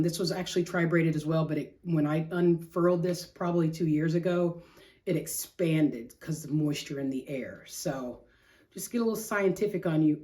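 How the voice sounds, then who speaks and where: A middle-aged woman hosts a craft vlog, chatting casually in a rambling, slangy way and poking fun at herself. Her voice is lowish with a darkish tone.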